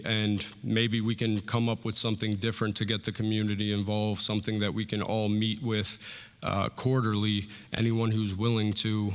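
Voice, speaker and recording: A young school board candidate answers debate questions in a plain, unrehearsed way, using lots of fillers. His fairly low voice is smooth, and the town hall setting adds noticeable reverb.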